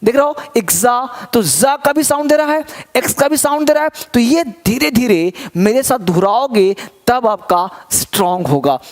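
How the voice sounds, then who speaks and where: A man teaching an English lesson, repeating words over and over and asking questions that he answers himself. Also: extremely high pitch. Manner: asks quick questions and answers them himself.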